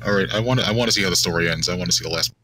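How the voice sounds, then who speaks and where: Man, very low voice, quick talker, bright edge, exasperated stream guest. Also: a crowd in the background, poor audio. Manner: reads list items aloud, exasperated. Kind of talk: casual stream chat.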